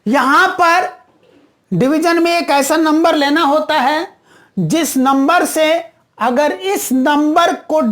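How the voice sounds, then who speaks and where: Woman maths teacher, unhurried, goes over every step twice, asks the class then answers herself. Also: high-pitched. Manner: patient, repeats each step, asks and answers own questions.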